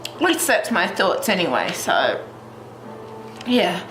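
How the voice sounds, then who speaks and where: A young Australian woman with a lowish, stuffy, congested voice takes it slowly, her pitch swinging hugely as she rambles through a colouring tutorial for her channel, full of fillers and restarts. She's at home in front of a heater, in an echoey room with background noise and music.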